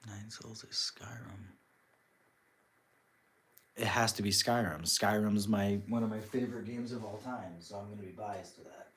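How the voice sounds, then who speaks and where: A man's voice: lowish voice, brisk, hardly any pauses, fairly bright tone, a little hiss or hum. A man casually chatting with viewers on a live stream while he crafts, reading and answering the chat.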